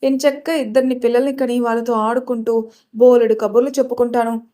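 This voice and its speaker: A woman's voice: a little high, level tone, a little fast, warm tone, close to an everyday voice. A woman voicing a spoiled, clingy young woman who pleads with her aunt in a storybook reading. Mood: pleading. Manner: whiny, pleading.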